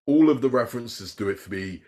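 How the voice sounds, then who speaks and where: A man's voice: mid-range voice, expressive, brisk, dark tone. A man hosting a casual chat show, talking with rambling enthusiasm and swearing freely. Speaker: podcast host.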